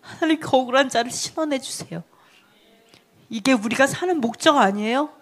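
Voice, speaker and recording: A woman with a high voice preaches a sermon at a brisk pace, telling stories in a chatty way. She laughs often and keeps asking her listeners questions.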